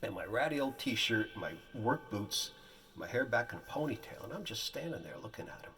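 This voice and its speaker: A man telling a comic personal story in animated, colorful, folksy phrasing, heard from a distance. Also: medium pitch, normal speed.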